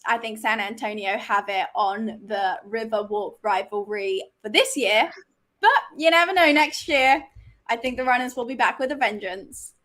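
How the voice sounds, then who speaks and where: Fairly high-voiced woman, chatty soccer co-host, laughs a lot. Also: normal speed, a bit bright. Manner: chatty, laughs easily, asks for audience comments. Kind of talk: casual sports chat.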